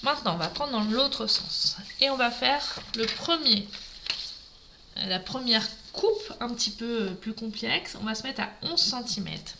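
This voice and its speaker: A woman's voice: a little high, animated, measured pace, vocal fry, pushed and bright, a little hiss or hum. A woman from Normandy leading a live papercraft tutorial, chatting and greeting viewers by name as she works at her craft table. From Normandy, France. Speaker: craft demonstrator.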